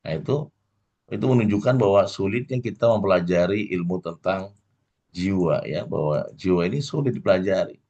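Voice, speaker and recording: A man's voice: deep voice, normal speed. A middle-aged man giving a motivational lecture as a coach. He keeps calling out to his audience, tags his points with "ya", and acts out little examples. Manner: addresses the audience warmly, full of "ya" tags and acted examples. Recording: dull lo-fi recording.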